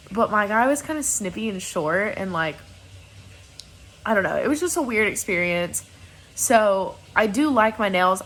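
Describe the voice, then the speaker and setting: A young adult woman chats casually and candidly to her viewers in a confessional vlog as a bride-to-be. Her voice is medium-pitched with a fairly bright tone. The recording is rough, with a little hiss or hum.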